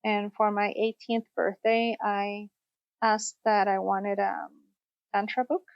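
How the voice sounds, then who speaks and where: A woman's voice: mid-range voice, little pitch movement, a little slow, no echo. Woman from Costa Rica, sex therapist, reflective storytelling, dull dry recording. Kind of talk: podcast interview. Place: studio, in person.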